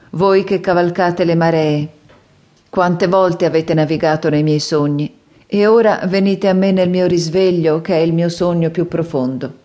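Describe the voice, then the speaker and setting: A woman voicing a male prophet's inner speech in an audiobook, solemn and measured. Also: on the low side, mellow, lightly acted. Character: male prophet, solemn and wistful, departing a city.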